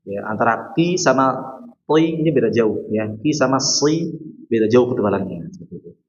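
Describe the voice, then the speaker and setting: An Indonesian man teaches a tajwid lesson in a mosque hall, his mid-range voice animated as he switches between melodic chanted recitation and quick explanations. The recording is muffled and echoey, with a slight hiss or hum and the roomy sound of the mosque.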